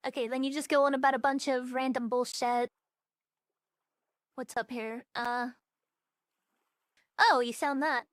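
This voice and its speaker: Unhurried and pausing often, a young female VTuber speaks in a high-pitched voice with fairly even intonation. She chats casually, bluntly, profanely and scatteredly on her livestream through a voice changer set to a more natural tone, recorded dry in a clean studio.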